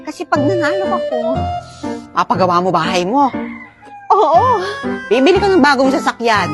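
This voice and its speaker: Very high, lively skit voice. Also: female voice, moderate pace. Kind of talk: acted comedy skit. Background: music.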